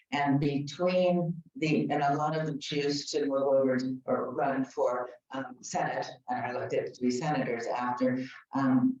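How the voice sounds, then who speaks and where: A woman's voice: sits low, a little mellow. A woman giving chatty, informative remarks at a community group meeting, with frequent fillers. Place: meeting room. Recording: roomy, distant, dull room mic.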